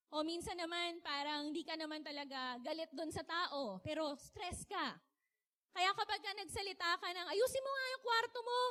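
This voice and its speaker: A young woman from the Philippines giving a chatty, animated sermon, laughing often and asking her audience questions. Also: high-pitched. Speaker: speaker. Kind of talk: casual sermon talk.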